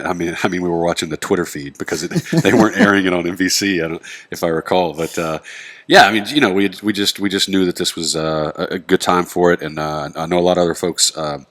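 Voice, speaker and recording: A man's voice: low-pitched, fairly bright tone. A man co-hosting a casual podcast with a stuffy nose, talking in a laid-back way with many fillers. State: stuffy nose after nose surgery. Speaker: podcast co-host.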